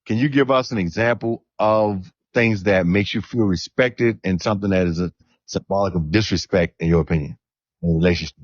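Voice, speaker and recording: Deep-ish guy hosting a panel, calm probing questions, dry muffled audio. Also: fairly quick, dry recording. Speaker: host. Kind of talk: interviewing panelists.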